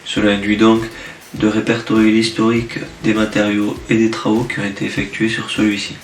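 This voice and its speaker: A young man, a student presenter, explaining his project in a measured, explanatory way. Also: fairly low pitch, monotone, distant mic. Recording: roomy, off-mic.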